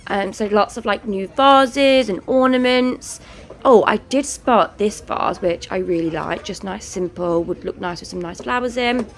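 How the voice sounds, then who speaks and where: Indoors at home, a young woman vlogs in a mid-range voice that runs a little slow. Wheezy from a chest infection, she's chatty and rambling, correcting herself as she goes in a casual vlog.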